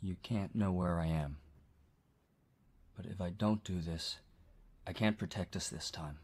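An actor playing a desperate young rookie cop who speaks tense and pleading. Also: male voice, low voice, measured pace, a little mellow, husky.

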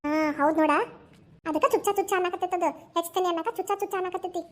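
A fussy cartoon grandmother, voiced by a woman, with a North Karnataka Kannada accent. She talks very high and at a racing clip, scolding and coaxing in turn. Her patter stays busy and quick. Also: fairly even intonation. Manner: chiding yet coaxing, fast. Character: fussy doting grandmother, mother-in-law. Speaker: cartoon voice actor. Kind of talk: cartoon voice acting.

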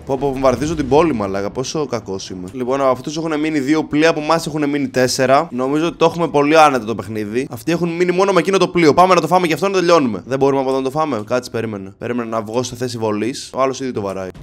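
A man giving lively, joking let's-play commentary, taunting and pleading with his opponents as he plays. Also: mid-range voice, few pauses. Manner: excitable, jokey, taunts and pleads with enemies. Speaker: gaming YouTuber.

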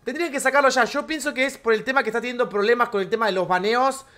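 Argentine man, lively gaming streamer, high pitched voice, slangy and chatty. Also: racing. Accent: Argentine Spanish. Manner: energetic, slangy, chatty with viewers. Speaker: game streamer. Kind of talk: live game stream chat.

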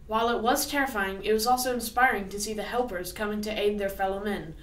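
A woman's voice: medium pitch, steady tone, fast. Woman co-hosting on a school intercom. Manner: earnest, occasional stumbles while reading. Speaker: school morning announcements co-host. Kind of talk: reading scripted announcements. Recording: echoey and distant with faint noise.

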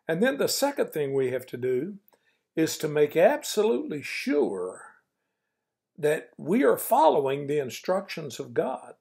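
A man's voice: fairly high pitch, big pitch swings, unhurried, creaky, darkish tone, husky. An older man giving a folksy morning devotional, exhorting listeners like an old coach with stern emphasis. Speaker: devotional preacher.

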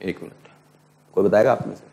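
A middle-aged man with an Indian English accent teaching an accounting class, mixing Hindi and English, putting questions to students and slowly dictating definitions. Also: lowish voice, fairly even intonation, creaky, background noise. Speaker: accounting lecturer. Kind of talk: classroom lecture.

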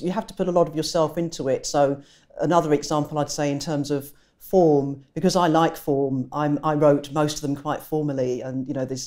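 A woman's voice: low voice, dark tone. A woman with an English accent, a poet talking thoughtfully in an interview and often correcting herself as she goes. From England. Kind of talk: conversational interview.

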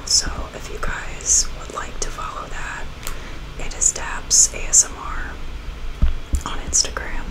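A young woman doing a whispered ASMR role-play as host and store clerk, breathy, gentle, polite and unhurried. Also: poor audio. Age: young adult.

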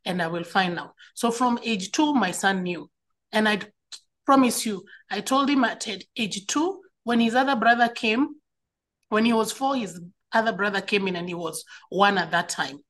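A woman's voice: mid-range voice, a bit bright. A woman, speaking earnestly on a panel as a school educator and parent. She often repeats words as she stresses a point. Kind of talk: panel talk on child safety.

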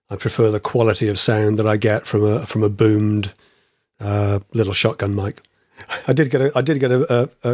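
A man in casual podcast chat as a host, with a slightly wheezy, croaky voice and a rambling, stop-start delivery. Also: fairly low pitch, no room sound, clean studio sound.

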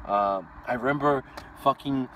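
A man's voice: mid-range voice, measured pace, fairly bright tone. A middle-aged man from Iran talking to his viewers from a parked open-top car, blunt, swearing often and calling them dude. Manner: blunt, swears a lot, calls listeners dude. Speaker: real estate vlogger. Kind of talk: casual storytelling vlog. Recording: from a distance, faint outdoor noise.

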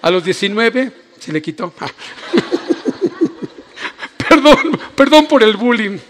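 A man's voice: high-pitched, moderate pace, slight background noise. A man preaching an emotional sermon in a church, joking with the congregation and calling on people by name. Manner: emotional, animated, jokes with the congregation. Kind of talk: lively sermon. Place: church hall.

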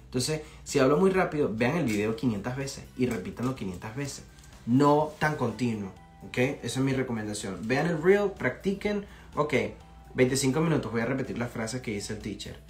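A man's voice: mid-range voice, faint music behind. Venezuelan man teaching a chatty live lesson. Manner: chatty and encouraging, often checks in with "ok?"; repeats phrases slowly for practice. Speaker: English teacher. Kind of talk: live-streamed language lesson.

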